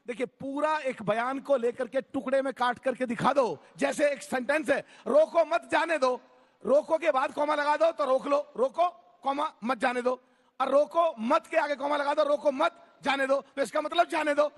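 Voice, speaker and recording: A man arguing forcefully on a TV debate panel, talking over others with repeated phrases. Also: very high voice, fairly even intonation, moderate pace, big-room sound. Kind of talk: heated TV debate argument.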